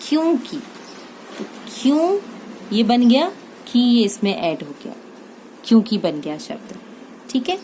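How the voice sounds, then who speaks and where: A woman with an Indian accent teaching shorthand step by step, spelling out each word sound by sound and pausing often to check understanding. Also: on the high side, sing-song, mellow, slight background noise, poor audio. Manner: slow and deliberate, spelling out words sound by sound, frequent "ठीक है" checks. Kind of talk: step-by-step tutorial.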